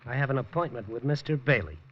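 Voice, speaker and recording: In a 1950s radio drama, an actor plays a hard-boiled newspaper reporter who serves as lead narrator, delivering dry, terse lines with wisecracks. His medium-pitched voice is expressive and fast, close to everyday speech. The broadcast sounds dull.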